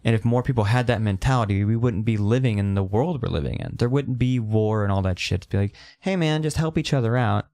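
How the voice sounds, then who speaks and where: A man's voice: on the low side, lively intonation, fairly quick, gravelly, few pauses, a little mellow. A man in his thirties in casual podcast chat, rambling and emphatic, swearing freely. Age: 30s.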